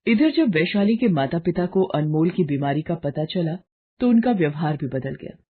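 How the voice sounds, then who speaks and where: A woman narrating a bedtime storybook, dramatic and emotive, with a husky voice. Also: fairly low pitch, sing-song, moderate pace. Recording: muffled phone-like lo-fi audio.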